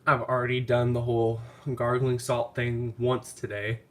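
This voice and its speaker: Completely flat and medium in pitch, this man's voice moves at a moderate pace, sounding stuffy and nasal from clogged sinuses. He's a candle vlogger doing a haul video at home, chatting casually but hesitantly and rambling with plenty of ums.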